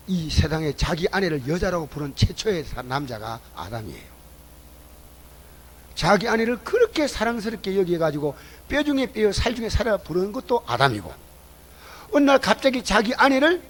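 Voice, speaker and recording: A man preaching a sermon at a church service. He questions the congregation and swings between loud exclamations and low asides. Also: sing-song, moderate pace, poor audio. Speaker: pastor.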